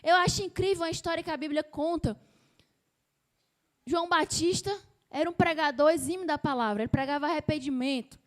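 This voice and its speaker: A woman from Brazil preaching a sermon with emphasis, asking the congregation rhetorical questions and dropping her voice low and slow to act out quoted lines.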